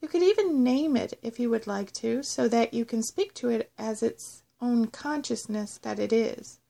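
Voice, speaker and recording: A woman narrating a scripted guided meditation in a measured, instructional way. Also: a little high, gravelly, mellow. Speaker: host of a guided self-love meditation audio.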